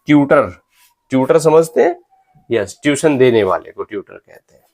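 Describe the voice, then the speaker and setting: A man teaching English spelling, slowly spelling out words letter by letter and checking in with his students. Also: medium pitch, animated, creaky, a little mellow. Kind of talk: spelling lecture in Hindi mixed with English.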